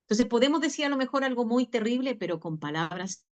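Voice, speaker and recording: A woman's voice: fairly high pitch, animated, fast. A woman pastor telling a personal testimony in a Bible study, chatty and full of fillers and restarts. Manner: conversational storytelling with many fillers and restarts.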